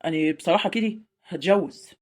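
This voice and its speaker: A woman with an Egyptian accent playing a young village man who schemes to marry a rich cousin in secret, talking smoothly and persuasively. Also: on the low side, fast talker, natural voice. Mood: scheming. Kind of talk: amateur village drama acting.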